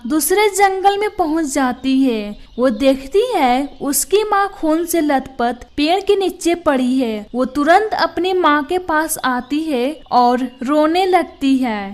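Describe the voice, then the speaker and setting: A woman narrating a children's cartoon story in a calm, even storytelling manner. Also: high voice, slow pace, hardly any pauses.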